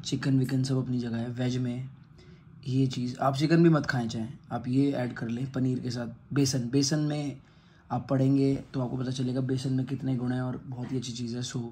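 Filming his vlog on a phone camera at arm's length, a man in his thirties chats casually in Hindi mixed with English words as he moves from the gym, to home, to outside a temple at night. His mid-range voice is warm, moderately paced, and shows little pitch movement, though the audio is noisy.

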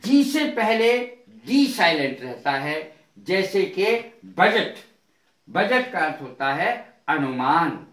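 A man teaching an English lesson, speaking deliberately and spelling words out letter by letter. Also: fairly high pitch, sing-song, a bit bright, reverberant. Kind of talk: spoken language lesson.

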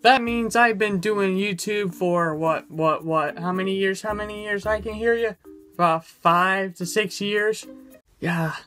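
A young adult man rambling casually in a vlog with a low-energy, goofy manner, recorded indoors close to the camera. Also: unhurried, pushed and bright, faint music behind. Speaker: YouTuber. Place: indoors in a room. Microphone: camera close in front of him.

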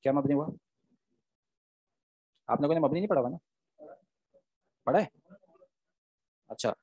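Male teacher, high voice. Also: lively intonation, unhurried, a little mellow, husky, highs cut off. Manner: explains step by step, often asks "ठीक है?". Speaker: Arabic grammar teacher. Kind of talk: online class lecture.

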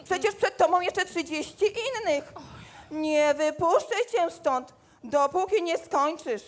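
Woman acting bullying workshop boss, extremely high pitch, harsh scolding, children's comedy play. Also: takes it slowly. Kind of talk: children's comic stage play.

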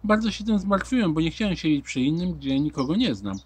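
A man's voice: a little high, a little fast, a little hiss or hum. A man reading a children's storybook aloud, narrating expressively as a small boy. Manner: expressive, animated. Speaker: audiobook reader.

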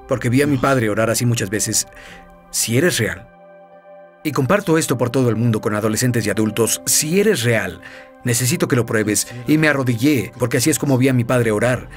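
A man, a guest minister, telling his personal testimony in a TV interview, lively, with chuckles and fillers. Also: mid-range voice.

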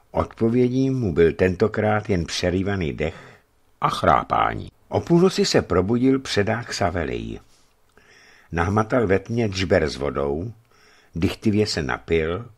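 A male radio reader narrating an adventure novel in a steady audiobook manner. His voice is very deep and low, yet his intonation rises and falls widely as he tells the story. The reading is expressive and keeps the drama moving. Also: slightly rough.

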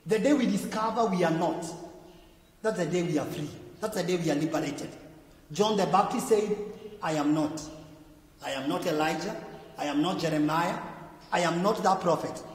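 A man with a Kenyan accent preaching a sermon as pastor, with emphatic repetition that climbs to shouts and falls back low. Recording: echoey hall with faint music.

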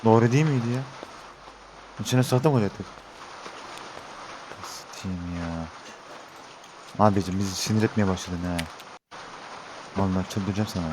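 A man's voice: lowish voice, fast talker, pauses often, background noise. A young Turkish man giving let's-play commentary, talking to his viewers and getting frustrated with the game. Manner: exasperated, talks to viewers as he plays. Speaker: gaming YouTuber.

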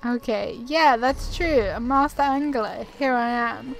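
Over background game music, a woman with a high-pitched, gravelly voice chats casually at a measured pace as she plays a video game for her gaming videos, reading dialogue options out loud. The audio quality is poor.

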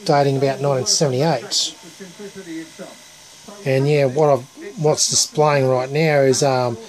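Filming indoors in a cluttered, dimly lit room at home, an Australian vlogger talks casually and enthusiastically over the footage, stopping and starting as he goes. His voice is fairly high, the recording rough, and he holds the camera himself while a television plays an old tape in the background.

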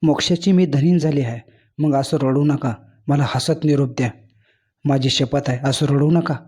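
A man voicing a dying young wife in a spoken story, soft and pleading as he reads her words. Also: on the high side, steady tone, normal speed, slightly rough. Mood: tender pleading.

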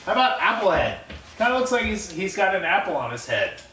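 A man's voice: sits high, big pitch swings, fairly quick, a crowd in the background. A man giving casual gameplay commentary on a livestream, thinking aloud and reading chat messages. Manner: musing, reads chat aloud, laughs often. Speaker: livestream gamer. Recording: roomy room, distant mic, faint noise.

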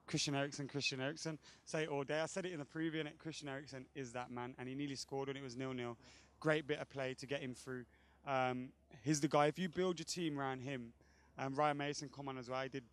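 A man's voice: mid-range voice, steady tone, fast talker. A young man being interviewed outdoors in a car park by a stadium, speaking into a handheld mic, giving blunt, cheeky, opinionated views. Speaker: guest football fan pundit. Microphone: handheld microphone held by interviewer.

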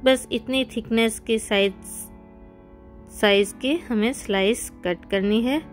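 A woman's voice: fairly high pitch, steady tone, slow. A woman hosting a cooking channel, giving friendly step-by-step recipe instructions in a voice-over. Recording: soft background music.

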